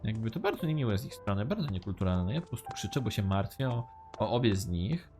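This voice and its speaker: A man's voice: lowish voice, sing-song, quick pace, a little mellow, faint music behind. A man giving casual, joking commentary while playing a game, reading its lines aloud. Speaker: let's-play gamer.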